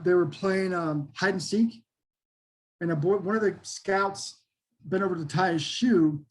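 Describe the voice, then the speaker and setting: Middle-aged male, high voice with a husky edge; folksy, keen interview guest. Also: poor audio. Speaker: interview guest, Bigfoot researcher. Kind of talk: casual interview talk.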